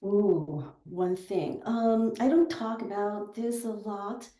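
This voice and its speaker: A podcast guest, she is a woman in her forties from southern China who grew up with a Chinese dialect and now speaks English with a Chinese accent. Taking it slowly, her medium-pitched voice sounds mellow and reverberant. The interview is casual, and she speaks thoughtfully, with lots of fillers and self-corrections.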